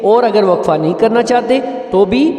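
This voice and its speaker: A man teaching a recitation lesson, explaining briskly and then chanting each example slowly and melodically. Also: sits high, animated, dark tone. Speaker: Quran teacher. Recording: echoey hall, distant mic, faint music.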